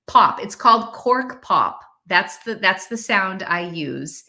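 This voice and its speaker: A middle-aged woman hosting a casual live stream, chatting in a fairly monotone way with lots of "like" and "um". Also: medium pitch, slow pace. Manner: self-described monotone delivery, chatty with many "like" and "um" fillers.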